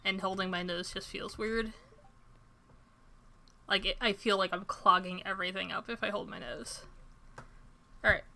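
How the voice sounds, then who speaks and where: Bright-voiced chatty young woman streamer. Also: mid-range voice, fairly even intonation, normal speed, long pauses, a little hiss or hum. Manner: chatty, self-deprecating asides. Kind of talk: casual gameplay commentary.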